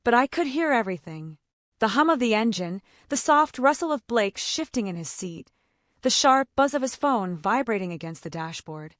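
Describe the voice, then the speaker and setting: A woman narrating a first-person story in a lively, expressive reading style. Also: on the high side, normal speed, no room sound, studio quality.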